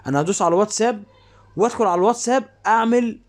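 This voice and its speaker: An Egyptian man with an Egyptian Arabic accent presents an app tutorial, talking casually through a screen recording. He speaks quickly in a higher-pitched voice, explaining things informally, step by step.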